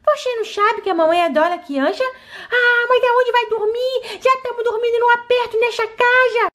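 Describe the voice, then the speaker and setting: A woman's voice: extremely high pitch, moderate pace, a bit bright. A Brazilian woman voicing a cheeky, jealous baby-girl doll in a toy play video, with a teasing, babyish manner. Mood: grumbling. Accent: Brazilian Portuguese.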